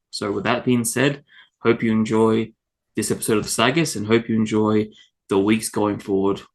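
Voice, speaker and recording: Male podcast host, lowish voice, casual and a bit halting. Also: vocal fry. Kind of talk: casual, unscripted podcast talk.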